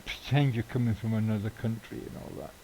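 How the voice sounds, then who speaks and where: Middle-aged streamer, mellow tone, rambling and offhand, swears casually. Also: male voice, on the low side, fairly even intonation, fairly quick, a little hiss or hum, low-quality recording. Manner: rambling, swears casually, chuckles at own jokes. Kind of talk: casual live-stream chat while gaming.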